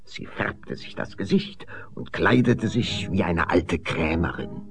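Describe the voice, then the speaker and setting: Casting: male storyteller, unhurried fairy-tale reading, gravelly timbre, faint music behind. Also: low voice. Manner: expressive, sweeping storytelling.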